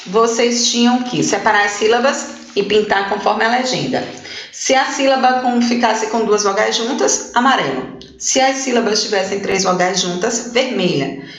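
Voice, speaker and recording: A woman's voice: medium pitch, creaky, fairly bright tone. Patient teacher woman in an echoey room. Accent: Brazilian Portuguese. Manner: slow, syllable-by-syllable spelling out of words; checks in with pupils with "ok?" and "certo?". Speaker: primary school teacher. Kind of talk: recorded remote lesson, correcting exercises.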